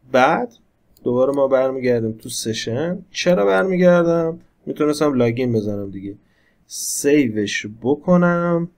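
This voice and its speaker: A man's voice: mid-range voice, darkish tone. A man teaching a screen-recorded tech tutorial, talking casually and explaining each step as he works the computer. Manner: conversational, explains step by step while operating the computer. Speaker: instructor.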